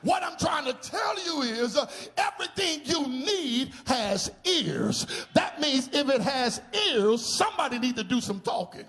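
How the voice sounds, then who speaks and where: A man a sermon as a bishop, shouting in bursts and calling out to the congregation for responses. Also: very high voice, lively intonation, measured pace. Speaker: bishop preaching. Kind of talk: charismatic sermon.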